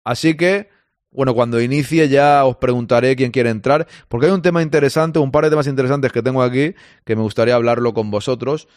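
A man's voice: medium pitch, a little fast, a little mellow, dry recording, clean studio sound. A man with a Spain Spanish accent hosting a live sports stream, chatting casually and joking as he reads out listener comments. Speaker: sports podcast host.

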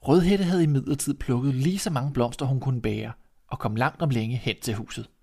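Man calmly reading a fairy tale. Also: mid-range voice, creaky. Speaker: narrator and podcast host. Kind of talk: scripted fairy-tale narration.

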